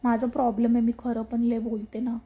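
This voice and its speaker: High-voiced sharp-tongued woman teasing followers. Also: flat delivery, fairly quick, narrow, tinny audio. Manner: bursts of laughter and mock scolding. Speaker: content creator answering followers. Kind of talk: casual chat reading and replying to comments.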